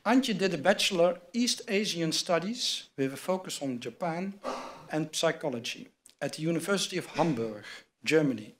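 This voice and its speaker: An older man at a university ceremony delivers a formal address at a lectern microphone, reading award citations from notes in a large wood-panelled hall. His fairly high, expressive voice has a fairly bright tone, and he reads in a measured, scripted way. There is slight background noise.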